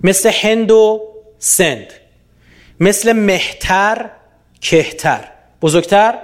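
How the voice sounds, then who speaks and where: A man from Iran giving a lively public lecture, often quizzing his audience with rhetorical questions. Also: high-pitched.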